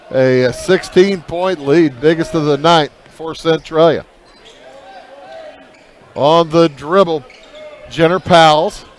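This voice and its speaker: A man calling a high school basketball game play by play, measured with filler pauses, lifting his voice on big plays. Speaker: play-by-play announcer.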